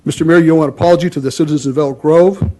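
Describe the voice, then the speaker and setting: A man's voice: on the high side, fairly even intonation, rapid-fire, dark tone. A man giving a formal public comment at a council meeting in a stern, indignant, accusatory way.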